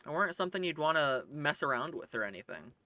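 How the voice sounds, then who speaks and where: A man's voice: fairly high pitch, sing-song, quick pace, pushed and bright, dry recording. A man chatting casually while playing a video game with a friend, easygoing and agreeable. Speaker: gaming co-host.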